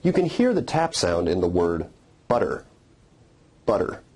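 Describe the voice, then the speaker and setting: Deep-voiced, husky male phonetics instructor. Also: wildly swooping pitch, moderate pace, dark tone. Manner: methodical, explains and demonstrates sounds. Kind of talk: scripted educational narration.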